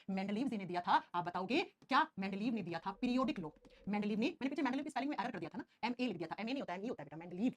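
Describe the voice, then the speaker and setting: A woman teaching a live online class, coaxing her students and quizzing them with quick questions. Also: high-pitched, a bit bright, no echo, clean studio sound.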